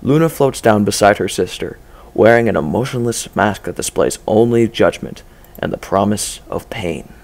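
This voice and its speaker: Man narrating a dark fan story, low voice, gravelly, measured, low-key. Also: expressive. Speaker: story reader. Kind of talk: first-person fan-fiction narration.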